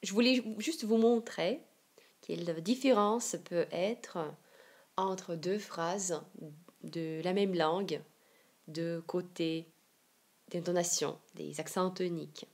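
A woman from Siberia with a Russian accent, teaching a language lesson online and explaining slowly and carefully. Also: on the low side, steady tone, a little mellow. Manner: slow, careful explanations with example readings.

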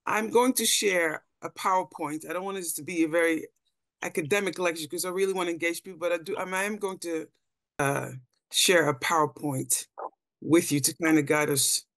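With clean studio sound and no echo, a middle-aged woman from the Netherlands, an anthropologist on a panel, delivers a thoughtful slide-based lecture over a video call from an indoor room. She speaks at normal speed in a fairly low, fairly bright voice, often repeating words as she looks for how to phrase things.

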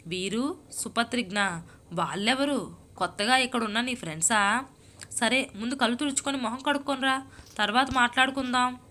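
A woman's voice: a little high, moderate pace, pauses often, pitched above the performer's own voice. Woman reading a puzzled patient friend. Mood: concerned. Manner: gently questioning, baffled. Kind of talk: storybook reading.

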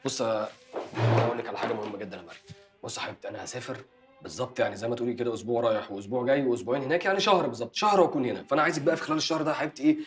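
An actor with an Egyptian accent playing an evasive young man who makes smooth excuses to his girlfriend. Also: medium pitch, music in the background, close to an everyday voice. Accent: Egyptian Arabic. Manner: smooth, fast excuse-making. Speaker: actor in a TV drama series. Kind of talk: TV drama acting.

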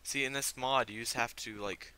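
A man's voice: mid-range voice, steady tone, normal speed, bright, forceful tone, a little hiss or hum. A teenage boy with a fever giving casual, rambling commentary on his game, full of fillers and startled reactions. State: sick with fever. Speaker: gamer.

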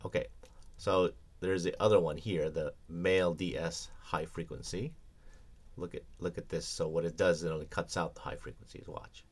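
Male audio instructor, low voice, easygoing screencast walkthrough with filler words. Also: steady tone, normal speed. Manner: casual, explanatory, many ums and restarts. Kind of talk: screencast software tutorial.

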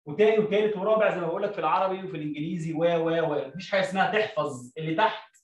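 A man with an Egyptian Arabic accent, teaching an English lesson. He reads English sentences slowly, word by word, and asks questions that he answers himself. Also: fairly high pitch, roomy sound, poor audio. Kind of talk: explaining a lesson to young pupils.

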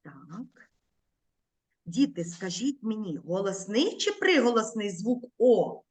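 Slow, lively-voiced woman teaching children. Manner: slow, clear, encouraging teacher talk with lively pitch. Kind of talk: online lesson for young children. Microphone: computer mic on a video call.

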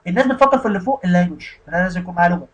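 Male instructor, Egyptian Arabic accent, breathy and very fast, casual lesson style with frequent check-ins. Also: high voice, lively intonation, poor audio. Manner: keeps checking in with the listener. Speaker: IT career instructor.

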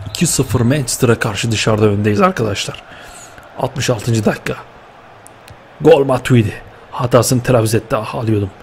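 A young man giving lively, excitable commentary while playing a football video game, cheering and scolding his players with slang. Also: mid-range voice, normal speed, faint music behind. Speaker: gaming YouTuber.

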